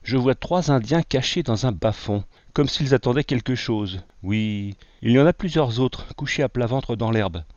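A man's voice: mid-range voice, expressive, normal speed, hardly any pauses, a little mellow, no room sound, lightly acted. A man voicing a young man tensely reporting hidden enemies he has spotted. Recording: dull lo-fi, dry.

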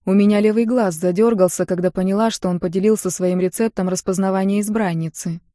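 Dark-voiced woman reading a fantasy audiobook. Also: medium pitch, no room sound, studio quality. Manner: measured, expressive first-person reading. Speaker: audiobook narrator. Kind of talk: first-person fantasy audiobook narration.

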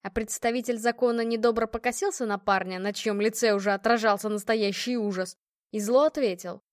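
A woman's voice: a little high, steady tone, fairly quick, no echo, studio quality. A woman narrating a first-person fantasy audiobook with a tense, emotional reading.

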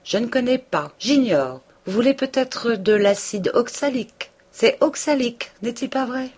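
A woman's voice: on the low side, moderate pace, voice pushed up, close to an everyday voice. A woman reading a novel aloud, voicing a pompous male village pharmacist who talks in a haughty, disdainful way.

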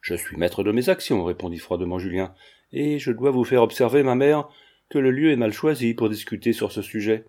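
An eager young man offers his help with earnest devotion, read by a man in an audiobook. The voice is mellow and formal. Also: mid-range voice, fairly quick, close to an everyday voice. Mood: cold.

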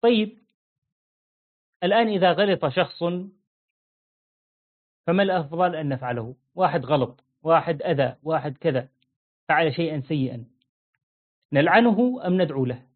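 A man leads a religious lesson in a fairly high voice. He keeps putting questions to his listeners and drags out the key phrases to drive them home. The audio is thin and narrow, as if heard down a telephone line. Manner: quizzes listeners with repeated questions; slows down to stress key phrases. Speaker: religious teacher.

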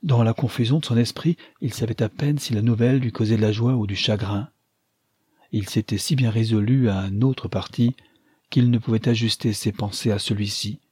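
A man reading a novel aloud as audiobook narrator, measured and calm, with a husky voice. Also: lowish voice, no echo, studio quality. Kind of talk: scripted literary narration.

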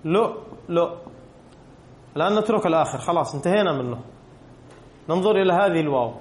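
A man's voice: fairly high pitch, animated, fast talker, reverberant, a little hiss or hum. A male teacher giving a classroom grammar lesson, putting questions to his students and repeating the key rules.

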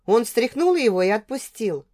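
A woman's voice: a little high, very animated, moderate pace, a little mellow. A woman narrating a tense first-person novel as an audiobook reader.

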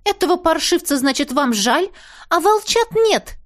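A fiery young woman, as the reader voices her, sharp-tongued and sarcastic. Her voice jumps high and gets loud as she protests. She is indignant and quick to bite back. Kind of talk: audiobook character voice.

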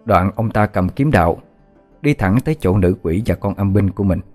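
A man's voice: sits low, expressive, normal speed, darkish tone, faint music behind. A man narrating a horror story in a dramatic, suspenseful way.

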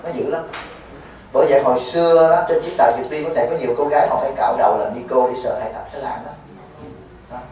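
Rapid-fire yet steady in tone, a man with a medium-pitched, darkish voice speaks as a Buddhist monk giving a folksy dharma talk at a retreat, where he teases and quizzes his audience. The sound is echoey, the mic far away, and there is faint noise.

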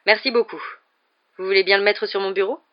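Audiobook: reader plays a kind teacher wizard, soft and measured, mid-pitched, slightly muffled sound. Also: fairly even intonation, natural voice.

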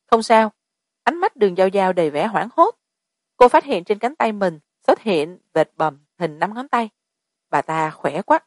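A woman narrating a story in a steady storytelling delivery. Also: medium pitch, moderate pace, dry recording, clean studio sound. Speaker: audiobook narrator.

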